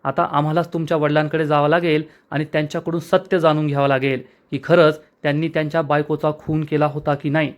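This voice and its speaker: A man's voice: fairly high pitch, level tone, fast talker, hardly any pauses, close to an everyday voice. A man voicing a stern, indignant father of the bride in a spoken recap of a TV serial. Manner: indignant questioning.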